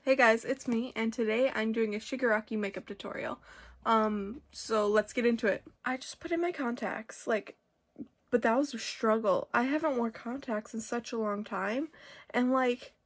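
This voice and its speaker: A woman's voice: a little high, moderate pace. A young woman giving a casual, chatty tutorial, rambling informally with lots of "like". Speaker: makeup tutorial host.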